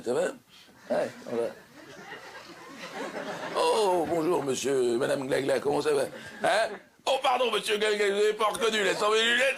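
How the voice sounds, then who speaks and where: A man's voice: fairly high pitch, creaky, fairly bright tone, slight background noise. A man playing an exasperated middle-aged doctor on a night call, chatty and impatient, talking over everyone in a one-man comic sketch.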